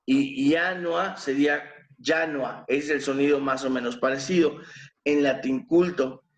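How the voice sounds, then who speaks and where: A man's voice: mid-range voice, steady tone, moderate pace, roomy sound. A man teaching a class, patiently spelling out sounds one at a time and quizzing his students. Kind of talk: explaining pronunciation to a class.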